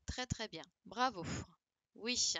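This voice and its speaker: A woman teacher correcting a dictation live for her pupils, patient and encouraging, reading words out slowly. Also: mid-range voice, pushed and bright, no echo. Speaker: primary school teacher.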